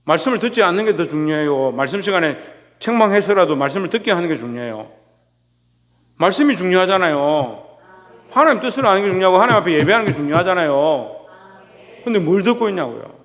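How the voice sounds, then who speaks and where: A male pastor with a fairly high voice delivers a sermon, firing rhetorical questions at his listeners and calling on them by name. His voice rings out in a church hall with a long reverb tail. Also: sing-song, fast talker, fairly bright tone. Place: church sanctuary.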